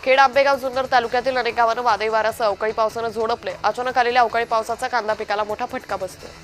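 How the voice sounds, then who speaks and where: Brief: woman news anchor, rapid headline bulletin, raised pitch, faint music bed. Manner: brisk, even headline delivery. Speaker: news reader. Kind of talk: fast news bulletin reading.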